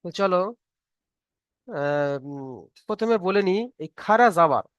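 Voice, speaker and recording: A man's voice: on the high side, lively intonation, measured pace, a bit bright, smooth, dry recording, dull audio. A man teaching Quran reading in an online class, patient and repetitive, often checking that students follow. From Bengal. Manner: patient, repeats each point and checks understanding.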